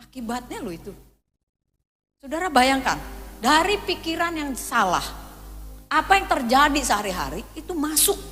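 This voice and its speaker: A woman's voice: high-pitched, big pitch swings, moderate pace, long pauses, sharp tone, in a large hall, faint music behind. A woman pastor preaching a sermon, telling stories and acting out quoted voices as she speaks to her congregation. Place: church hall.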